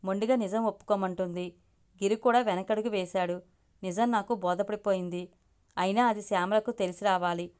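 Smooth-voiced woman storyteller. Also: mid-range voice, normal speed. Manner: steady first-person narration. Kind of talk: audiobook story reading.

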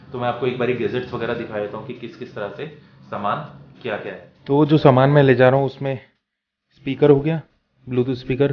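A man, talking casually to camera as a travel vlogger, explaining at length and pausing often with drawn-out "uh" sounds. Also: medium pitch. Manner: chatty and explanatory, frequent drawn-out "uh" pauses. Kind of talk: casual vlog talk to camera. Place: small room at home, indoors. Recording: roomy, slightly dull sound with faint room hum.

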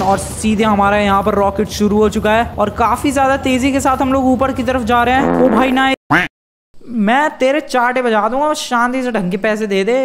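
A man giving excited gameplay commentary, exclaiming and repeating words as he plays. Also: high-pitched. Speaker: gaming YouTuber.

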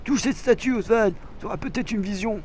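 A man reading as an eager creature explorer in a video game, full of wonder and stumbling over the odd word. The voice is fairly high, with faint noise behind it. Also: brisk, darkish tone, natural voice. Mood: curious. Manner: wondering, hesitant reading with "euh". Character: curious male Pokémon partner, eager explorer. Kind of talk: dramatic reading of game dialogue.

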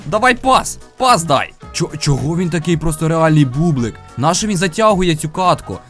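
Lively high-voiced man commentating gameplay. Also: normal speed, faint music behind. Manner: playful and upbeat, with frequent sound-effect interjections. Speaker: gaming video host.

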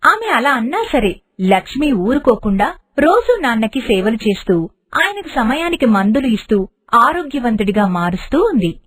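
A woman narrates an animated moral storybook in a steady, expressive manner. Her voice is husky and breathy, pitched a little high. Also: normal speed.

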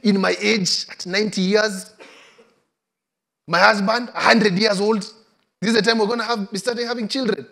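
A man putting on a mocking old woman in disbelief, pitched up and louder than his own voice, laughing off the idea, live from a church stage. The stays under the act, and the voice is carried by a headset mic. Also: fairly even intonation, normal speed, gravelly, pauses often, full character voice. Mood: scoffing. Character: elderly woman scoffing at a promise.

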